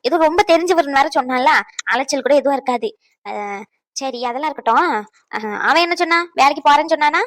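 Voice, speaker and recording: A woman's voice: high voice, fast, a bit bright, slight background noise. A woman voicing a caring but outspoken old grandmother in a cartoon, scolding and lecturing protectively. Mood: indignant. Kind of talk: cartoon voice acting.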